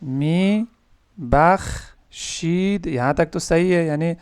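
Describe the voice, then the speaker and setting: Male tutor on a video call, smooth resonant voice, patient and methodical, slows to spell out each word. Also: mid-range voice. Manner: patient, slow drilling of verb forms, word by word. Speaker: Persian tutor. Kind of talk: online one-on-one language lesson.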